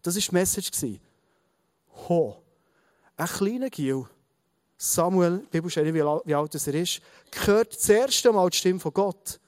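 A man with a Swiss German accent giving a sermon, reading a Bible story and speaking straight to the listener in a lively way. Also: sits high, moderate pace, long pauses, dry recording, clean studio sound. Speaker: preacher.

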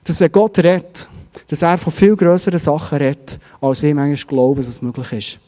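Swiss German male pastor, middle-aged, mellow sermon tone, long church reverb. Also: fairly high pitch, expressive, normal speed. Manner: preaching in rhetorical questions.

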